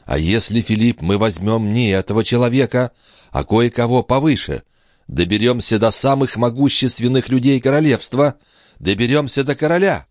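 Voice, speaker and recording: Guy doing a high shrill young noblewoman, upset and indignant, close dry read. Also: expressive, moderate pace, no room sound, lightly acted. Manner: impassioned, pleading, rising to shrill. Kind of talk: audiobook character voice.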